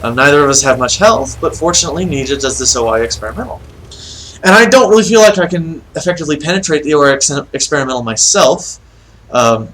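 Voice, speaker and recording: A man's voice: on the high side, fairly bright tone, slight background noise, low-quality recording. A young man giving chatty gameplay commentary, with frequent ums and dry sarcasm. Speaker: gaming YouTuber.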